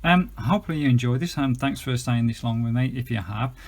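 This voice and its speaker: This British video host and gadget reviewer walks through a product informally and off the cuff, somewhat hesitant. He speaks at a medium pitch, brisk and a little mellow.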